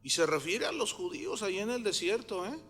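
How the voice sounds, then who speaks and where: High, bright-voiced preacher in a hall. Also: male voice, sing-song, a little fast, faint music behind. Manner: emphatic preaching, asks the congregation questions. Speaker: pastor. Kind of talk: sermon.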